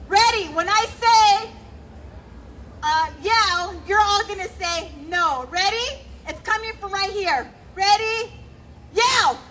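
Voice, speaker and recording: A woman working as a self-defense instructor, leading a crowd through call-and-response drills with commanding, energetic shouted cues into a handheld mic at an outdoor rally. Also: extremely high pitch, slow pace, slight background noise. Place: outdoor rally on a city hall lawn. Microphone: handheld microphone. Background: faint crowd.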